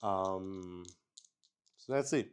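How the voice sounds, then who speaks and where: With a deep, clear, resonant voice and a very slow pace, a man acts as player and game master of his own solo tabletop roleplaying game. He narrates loosely, reasoning aloud, teasing himself and cursing without restraint.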